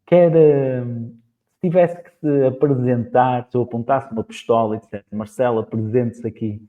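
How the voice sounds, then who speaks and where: A man with a European Portuguese accent hosting a casual podcast interview, talking fast with halting restarts. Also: medium pitch, fairly even intonation. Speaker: podcast host. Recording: tinny phone-like line.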